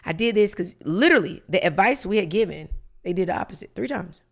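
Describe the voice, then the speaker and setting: A woman's voice: fairly low pitch, fast, creaky. A woman co-hosting a casual business podcast as a brand coach, telling stories and acting out her clients' lines. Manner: animated storyteller who acts out clients' lines.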